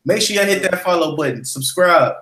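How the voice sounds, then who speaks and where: Rambling podcast co-host in an echoey room. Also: male voice, high-pitched, brisk. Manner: rambling, relaxed, full of shout-outs and fillers. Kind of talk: casual podcast chat.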